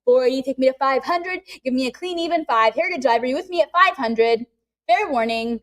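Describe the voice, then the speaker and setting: A woman working as an auctioneer, briskly calling live bids in a repetitive chant, urging bidders on and adding chatty asides. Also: high-pitched.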